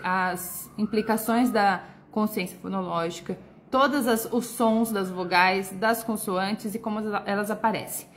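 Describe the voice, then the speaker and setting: A woman's voice: medium pitch, a bit bright, a little hiss or hum. A woman with a Brazilian accent, working as a literacy educator, answers viewer questions live in a patient, explanatory way and often checks in with short tag questions. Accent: Brazilian Portuguese.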